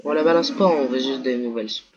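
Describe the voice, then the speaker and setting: A man's voice: medium pitch, fast talker, a little hiss or hum. A man chatting casually as he plays a co-op video game. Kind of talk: casual gaming chat during co-op play. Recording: dull lo-fi audio, other voices behind. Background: other people talking.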